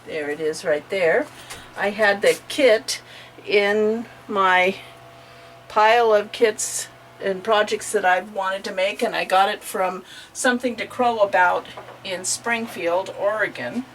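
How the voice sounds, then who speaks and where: A woman's voice: mid-range voice, slow pace, a little hiss or hum, poor audio. A middle-aged woman casually narrating a vlog as host, recorded inside a small camper trailer. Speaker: host of a sewing and travel vlog.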